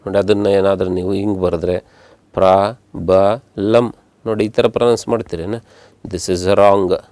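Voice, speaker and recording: A male English grammar teacher with a Kannada accent, patiently explaining syllables in a slow lesson, repeating words and counting them out loud. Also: low-pitched, level tone, no echo. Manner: mixes Kannada with English terms.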